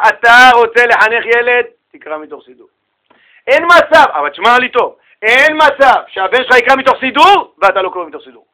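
Male religious teacher, lively storyteller, high ringing voice, acts out the people in his stories. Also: low-quality recording. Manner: rhetorical questions to the audience. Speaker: Torah teacher. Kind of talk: religious lesson.

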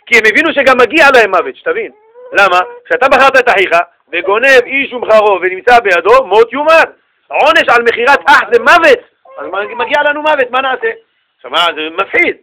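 A man teaching a Torah lesson to students in an animated way, asking them questions and acting out the people in the story. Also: extremely high pitch. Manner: animated, asks his listeners questions and acts out the people in the story.

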